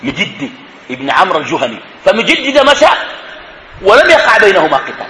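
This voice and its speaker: A man's voice: high-pitched, very animated, fast, bright, forceful tone. A man teaching religious history, asking his listeners questions and then answering them himself. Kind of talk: lecture on prophetic history. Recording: echoey room.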